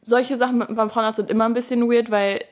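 A young woman, talking on a casual podcast. She is a chatty storyteller who acts out quotes with animated voices and laughs easily. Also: a little high, quick pace. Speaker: podcast co-host. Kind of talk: casual chat.

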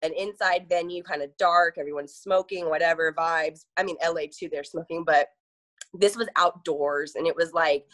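A young woman talking as an interview guest, chatty and quick, with many fillers and frequent laughter. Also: low-pitched, steady tone, fairly bright tone. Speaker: event promoter, guest. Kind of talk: casual interview chat.

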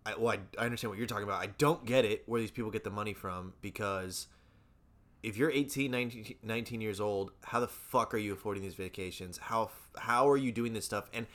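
A man's voice: lowish voice, fast talker, a bit bright. A man in casual podcast chat, ranting with heat and plenty of swearing, often stumbling over repeated words as he restarts sentences. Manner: profane, heated ranting.

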